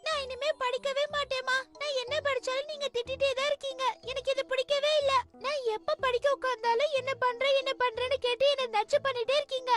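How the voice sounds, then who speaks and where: A woman's voice: very high-pitched, little pitch movement, a little fast, few pauses. A woman voicing a stubborn young schoolgirl in a dubbed cartoon, whiny and complaining, with music playing behind. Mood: sulky.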